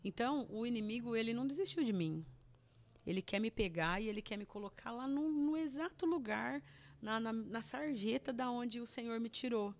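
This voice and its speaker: A woman's voice: fairly high pitch, normal speed. A woman with a Brazilian Portuguese accent, a guest telling a personal testimony in earnest, emotional chat with many restarts.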